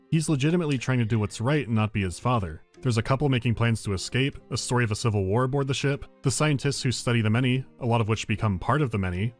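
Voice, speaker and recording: A man narrating a scripted video game review with dry, wry humour. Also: mid-range voice. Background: game music.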